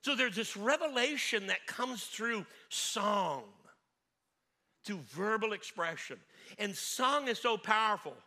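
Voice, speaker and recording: A middle-aged man preaching a sermon as pastor, animated and acting out scripture scenes with playful asides. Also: high-pitched, slow pace. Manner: animated, acts out Bible scenes in voices.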